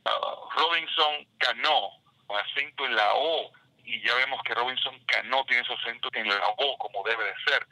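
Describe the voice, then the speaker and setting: Earnest man, very bright voice. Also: mid-range voice, no room sound, poor audio. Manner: earnest, emphatic about pronunciation. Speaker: baseball analyst guest. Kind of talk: recorded interview segment.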